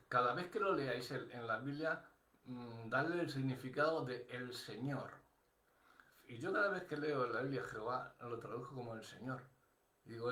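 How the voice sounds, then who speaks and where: A man's voice: medium pitch, fairly bright tone, echoey room. An older man with a Spain Spanish accent preaching a sermon as pastor, conversational, thinking aloud with restarts and asides.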